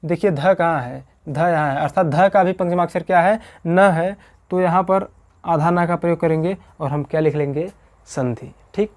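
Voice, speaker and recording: A male teacher with a slightly high, somewhat mellow voice explains a grammar lesson at a board at normal speed. He keeps checking in with "theek hai," poses questions to the class, answers them himself and repeats every point.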